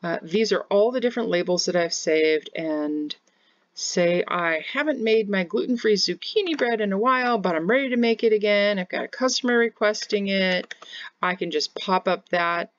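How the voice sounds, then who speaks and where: A woman in her forties teaches a home-bakery software tutorial from her home, talking steadily through each step. Her voice sits in a middle register. The webcam sound is dry and slightly muffled. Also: mid-range voice, moderate pace, no room sound. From Kansas, United States. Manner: plain step-by-step explaining. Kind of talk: screen-share software tutorial. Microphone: webcam in corner of screen share.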